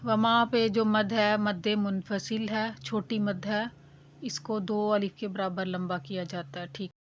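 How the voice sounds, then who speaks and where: A woman teaching Quran recitation, explaining each sound patiently and reciting the verses slowly and carefully. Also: medium pitch, level tone, a little hiss or hum. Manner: patient, repeats "theek hai" to check understanding. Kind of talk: slow, careful tajweed lesson with drawn-out recitation.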